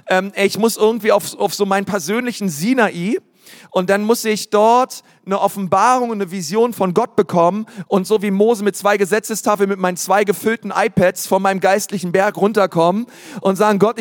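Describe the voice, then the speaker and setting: A man preaching as a pastor, lively and casual, with many fillers and slipping into other voices to mimic listeners. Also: high voice. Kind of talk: sermon. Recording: long hall reverb.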